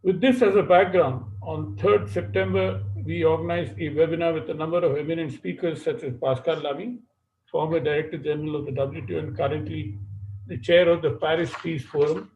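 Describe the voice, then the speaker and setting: A man moderating a webinar, giving formal opening remarks in a measured, hesitant way with frequent fillers, heard over a video call. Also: a little high, fairly even intonation, a little mellow, slight background noise. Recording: dull lo-fi webinar audio.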